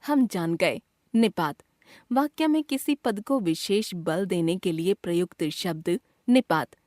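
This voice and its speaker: A woman's voice: lowish voice, a little slow, no echo, studio quality. A woman reading a scripted grammar lesson, acting out the example exclamations with feeling. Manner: reads examples with expressive emotion.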